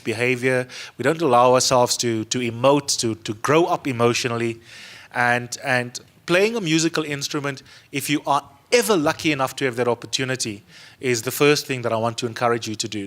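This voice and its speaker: A man in his thirties with a South African accent, Afrikaans being his first language, speaks earnestly on a panel in a museum auditorium before a seated youth audience. His voice is mid-range and a bit bright. Holding a handheld mic, he repeats words for stress.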